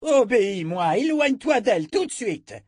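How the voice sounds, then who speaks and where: A man voicing an old male wizard who gives calm but pressing orders in a raised voice. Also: very high-pitched, normal speed, dry recording, studio quality, voice pushed up, exaggerated voice. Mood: urgent.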